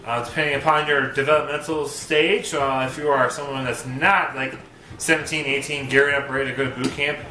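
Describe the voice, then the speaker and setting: A man's voice: mid-range voice, fairly even intonation, brisk, sharp tone. A man giving casual advice to viewers in a rambling, joking, conversational way. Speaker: vlogger giving boot camp advice. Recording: roomy echo, faint hiss.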